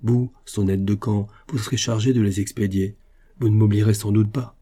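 A man reading the part of a grave, gentle aging nobleman speaking tenderly to his son, in a husky, dark voice. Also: on the low side, steady tone, moderate pace, lightly acted.

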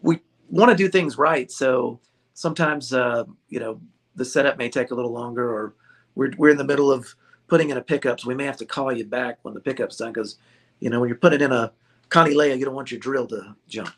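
A man's voice: medium pitch, brisk, fairly bright tone. A man who owns a ukulele store, chatting casually in an interview, joking and laughing often. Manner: jokey, laughs often, rambling.

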